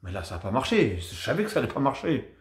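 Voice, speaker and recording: Chatty French football vlogger, roomy echo. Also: male voice, mid-range voice, fast. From France. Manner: chatty, rambling, animated. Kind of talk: casual match debrief to camera.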